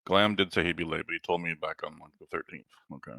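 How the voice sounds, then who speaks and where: A man acting as game master for an online tabletop game, brisk and practical as he keeps track of the board and rules. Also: sits low, steady tone, gravelly, sharp tone, dry recording.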